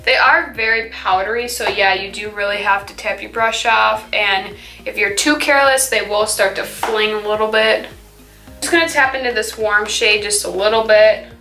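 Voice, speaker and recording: A teenage girl's mid-range voice stays steady in tone, moving at a moderate pace with a pushed, bright quality. She is a beauty vlogger chatting casually through a makeup routine, leaning on "like" and trailing off mid-thought. Her room is echoey, with faint music behind her.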